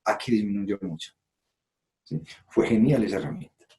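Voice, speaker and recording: A man with a lowish, warm voice speaks at a moderate pace during a live conference talk. He acts out quoted phrases and keeps checking in with the audience by asking "¿sí?".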